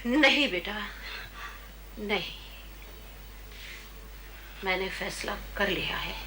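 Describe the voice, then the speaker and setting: An actress in her sixties playing a mother who is quietly set on leaving her husband, with slow, measured speech in a television drama. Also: medium pitch, lively intonation. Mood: resolute. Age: 60s. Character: resolute sixty-year-old mother, wounded but firm. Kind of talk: 1990s television drama acting. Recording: hissy old TV archive recording.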